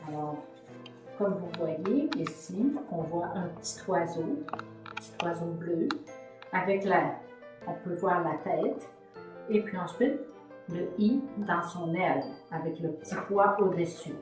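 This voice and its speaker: A woman's voice: fairly low pitch, unhurried, a little mellow, reverberant, soft background music. A woman, the author of a reading method, patiently explaining how she teaches a sound to children, with frequent fillers.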